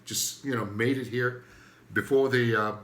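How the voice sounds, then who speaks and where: A man's voice: mid-range voice, steady tone, measured pace, a bit bright, reverberant. An older man from Turkey with a Turkish accent, a native Turkish speaker, hosting a rambling, joking comedy monologue that often loses its thread. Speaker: comedian host.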